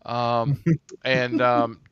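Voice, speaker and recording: A man's voice: mid-range voice, monotone, drawn-out words, a bit bright, smooth, no echo, dull audio. A man hosting a casual livestream, rambling and a bit tipsy from a couple of beers, talking loosely and swearing to his chat. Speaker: livestream host.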